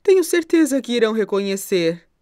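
A woman voicing a gentle, protective mother goat with a sweet voice in a cartoon story. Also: fairly high pitch, sing-song, fairly quick, no room sound, clean studio sound. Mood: caring. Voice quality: sweet soft voice. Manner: warm, warning, motherly.

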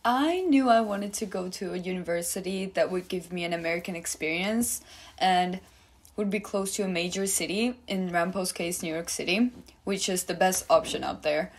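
A young woman from Georgia, a marketing student, answering interview questions clearly and composedly over a video call. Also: lowish voice, moderate pace. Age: young adult.

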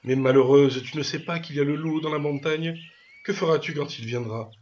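A man's voice: medium pitch, animated, normal speed, muffled recording, slight background noise, pitched above the performer's own voice, lightly acted. A man voicing an anxious old farmer who pleads and exclaims in dismay, with birds chirping behind. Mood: pleading.

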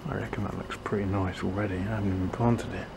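A fast-talking man with a low voice, vocal fry, and little pitch variation narrates while planting. The gardening vlogger speaks casually to camera in a small backyard garden, pondering, doubting himself, and trailing off often. The outdoor setting adds noisy ambience.

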